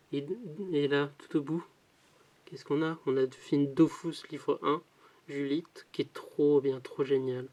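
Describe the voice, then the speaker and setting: A man giving casual running commentary, rattling off titles with quick offhand remarks as he shows his collection. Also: medium pitch, a little mellow. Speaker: vlogger showing his DVD collection.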